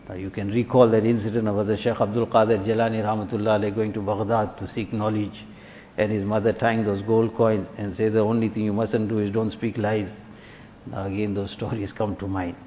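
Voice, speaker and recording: A man's voice: fairly low pitch, little pitch movement, brisk, slight background noise. A man preaching a sermon, retelling a story and acting out its dialogue with rising emphasis. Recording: dull lo-fi recording with long hall reverb.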